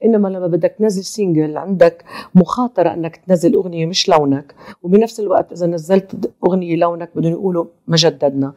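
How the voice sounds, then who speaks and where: A woman with a Lebanese accent, a singer answering interview questions thoughtfully, pausing with fillers. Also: fairly low pitch, dark tone. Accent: Lebanese Arabic. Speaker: guest singer.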